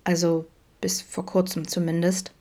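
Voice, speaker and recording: A woman voicing Vincent, a grown man who chats openly and teases his friends, read in her own fairly low voice. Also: flat delivery, a little fast, lightly acted. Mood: wistful. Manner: chatty, teasing. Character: adult man, camp cook, open and teasing.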